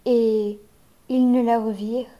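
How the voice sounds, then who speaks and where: A woman reading a children's fairy tale aloud in a gentle, measured way. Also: fairly high pitch, flat delivery, lo-fi sound, noisy background. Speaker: narrator.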